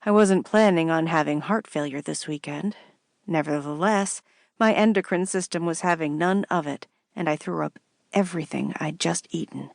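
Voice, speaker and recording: A woman narrating an audiobook in the first person, measured and wry. Her voice sits low with a gravelly edge. The recording is close and dry. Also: dry recording.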